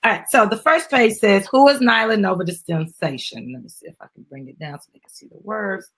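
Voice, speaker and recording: A middle-aged mother with a slightly husky voice reads a children's book dramatically with her daughter, adding casual asides and prompting the child and audience with questions. Her voice is medium-pitched, a little fast and a bit bright.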